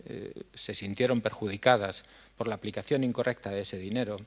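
An older man addresses a hall from a lectern. His speech is earnest and halting, broken by frequent fillers as he hunts for words. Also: fairly low pitch. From La Mancha, Spain. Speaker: foundation head giving a talk. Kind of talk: conference speech. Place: dark stage in a hall. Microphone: stand mic at a lectern.

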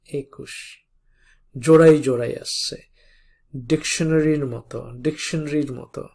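A programming instructor teaching a coding lesson step by step, spelling out code slowly and often checking in with the viewer. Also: mid-range voice, steady tone, a little mellow. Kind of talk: coding tutorial lecture.

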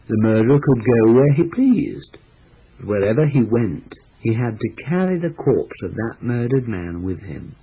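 A man reading a devotional book aloud in an expressive, emphatic way, slowing down on key phrases. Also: mid-range voice, slightly rough, poor audio.

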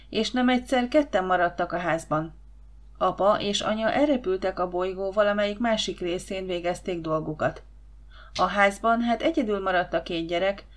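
A woman narrating a science fiction audiobook in a steady, measured reading voice. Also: mid-range voice. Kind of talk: audiobook reading of a sci-fi novel.

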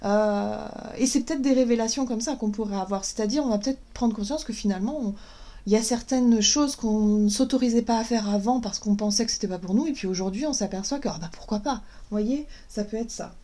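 A woman with a fairly high, mellow voice gives a relaxed card-reading guidance talk. She speaks gently and encouragingly, often pausing on fillers and restarting her phrases. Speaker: tarot and oracle card reader. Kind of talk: casual spiritual guidance talk.

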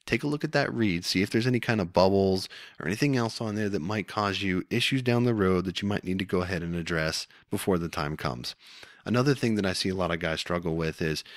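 A man's voice: sits low, quick pace, dry recording, studio quality. A man co-hosting a podcast, giving casual, folksy instructional talk in plain-spoken words. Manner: folksy, plain-spoken, addresses listeners as guys. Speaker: co-host of a hunting tips podcast.

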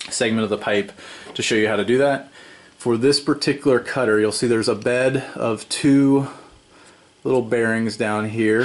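In an indoor workshop, a man at a wooden workbench gives a casual hands-on tutorial on a home plumbing repair, taking it step by step in a lowish voice with slight background noise. The DIY presenter sounds relaxed and explanatory, pausing often with "um" and fixing his own wording.

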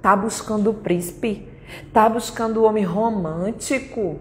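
A Brazilian woman in her thirties speaks unhurriedly at a medium pitch, delivering a blunt, emphatic motivational talk full of repetition at a conference. Her Brazilian Portuguese accent carries through an echoey hall with faint noise.

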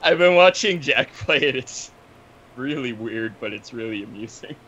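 A young-sounding man chatting with friends over a call, giggling often. His voice is bright and forward, with a faint hiss behind it. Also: medium pitch, lively intonation, moderate pace, lo-fi sound. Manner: giggly, easygoing. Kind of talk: casual voice-chat banter.

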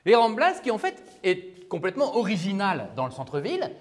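A man gives a university law lecture in a lecture hall. His voice sits a little high and swings widely in pitch as he talks casually and throws questions at the students. A long hall reverb trails after his words. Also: huge pitch swings, a little fast. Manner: conversational, asks the class questions. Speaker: law professor.

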